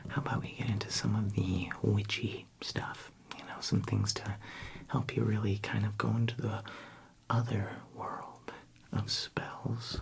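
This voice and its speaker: A man doing a whispered role-play as a friendly librarian, in a soft library whisper, talking gently and chattily to the listener. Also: medium pitch. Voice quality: soft, breathy library whisper with gravelly edges. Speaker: ASMR performer playing a friendly librarian.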